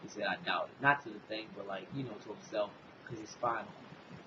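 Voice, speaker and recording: A man's voice: fairly low pitch, steady tone, brisk, lo-fi sound, noisy background. A man hosting a casual comic book review, retelling the story loosely with lots of fillers and "basically".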